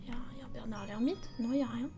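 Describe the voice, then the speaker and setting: With a fairly high, rapid-fire voice, a young woman chats casually while playing a video game, frequently exclaiming and cursing without restraint. She is a let's player, and faint game music sits in the background.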